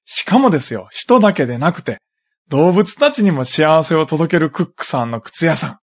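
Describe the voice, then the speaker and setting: A male host with a high voice speaks casually after a story reading. He thanks the reader and comments warmly on the tale. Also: animated, normal speed. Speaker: radio host. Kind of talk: casual chat.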